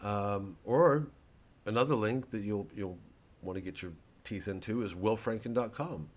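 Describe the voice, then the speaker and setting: A man with a lowish voice speaks at a measured pace, rambling casually on his own. He's a comedian promoting his show and shop, and his monologue is irreverent, digressive and profane.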